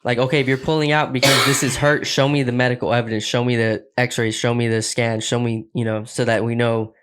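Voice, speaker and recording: A man's voice: medium pitch, little pitch movement, brisk, a bit bright, clean tone. A man with a mid-range voice co-hosting a sports podcast, blunt and sure of his views. He pushes his points hard in loose, casual talk. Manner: emphatic and opinionated, blunt. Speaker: podcast co-host.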